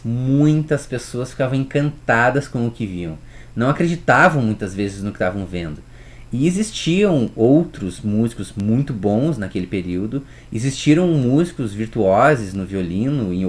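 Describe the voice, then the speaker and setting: A man teaches music history in a casual storytelling way, speaking straight to the viewer and chatting with rhetorical questions. His voice is medium-pitched and animated at a moderate pace.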